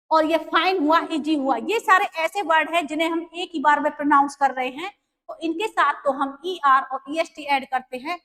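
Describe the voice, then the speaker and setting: A woman's voice: extremely high pitch, fairly bright tone. A woman teaching an English grammar lesson, explaining patiently and repeating key terms.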